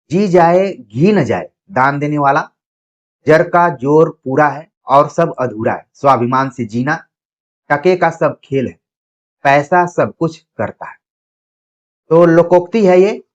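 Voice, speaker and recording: A man's voice: on the high side, lo-fi sound. Patient man reading out exam questions. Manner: reads each question and its options slowly, then explains and repeats the answer; patient, addresses students directly. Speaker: Hindi exam coach. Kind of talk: exam practice lecture.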